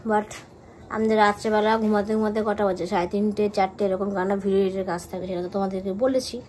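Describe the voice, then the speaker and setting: A woman's voice: medium pitch, slight background noise. A young woman vlogging in a casual, chatty way. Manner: lively and chatty, hushed late at night. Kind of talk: casual vlog chat.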